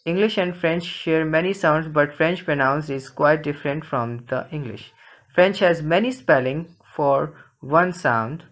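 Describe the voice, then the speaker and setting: Slow, deliberate male language teacher. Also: fairly high pitch, fairly bright tone. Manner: slow and deliberate, repeats phrases for learners. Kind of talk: classroom lesson, reading a textbook dialogue aloud.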